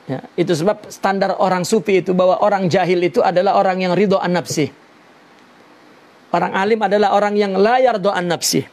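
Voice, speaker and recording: A man teaching a religious lesson on a Sufi text, slow and deliberate, explaining Arabic terms with many "ya" fillers. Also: sits high, fairly even intonation, darkish tone.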